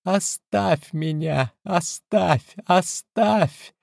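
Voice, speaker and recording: A man reading an audiobook, voicing a furious, defiant young wife who shouts scornfully and rises into shrill cries. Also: a little slow, no echo, clean studio sound, lightly acted. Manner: shrill, scornful, rising to screams.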